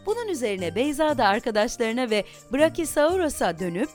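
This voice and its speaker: A woman reading a children's story aloud in an expressive, animated storytelling manner. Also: a little high, a little fast, faint music behind.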